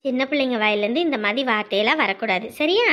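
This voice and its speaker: A woman's voice: a little high, animated, fast talker, a bit bright. A woman playing a caring older sister. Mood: soothing. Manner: scolding but soothing. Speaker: older sister-in-law comforting a girl.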